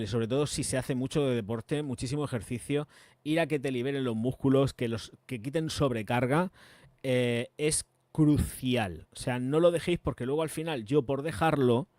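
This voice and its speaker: A man, hosting a casual live chat and telling a story in an expressive, chatty way, with emphatic swearing. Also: medium pitch, no echo. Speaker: perfume livestream host.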